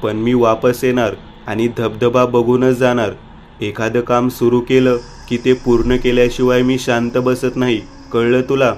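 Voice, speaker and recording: A man's voice: medium pitch, monotone, unhurried, darkish tone, a little hiss or hum, natural voice. A man voicing a stubborn, hot-tempered young man in a storybook reading.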